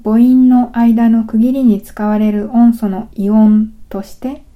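Slow, mellow-voiced woman teaching pronunciation. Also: a little high. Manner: calm, deliberate explaining. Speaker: language teacher. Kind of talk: scripted pronunciation lesson.

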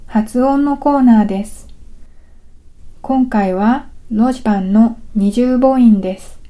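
A woman reads a language lesson at an unhurried pace, leaving room for the listener to repeat. Her voice is dark and mellow yet sits slightly high. She sounds careful and patient throughout. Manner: slow, careful, patient delivery with drills. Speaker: language teacher.

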